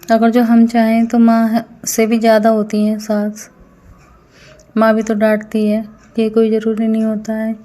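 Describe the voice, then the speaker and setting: A woman's voice: mid-range voice, warm tone. A woman narrating a casual family vlog at home, chatting to viewers as friends while feeling unwell. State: unwell, tired. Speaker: family vlogger.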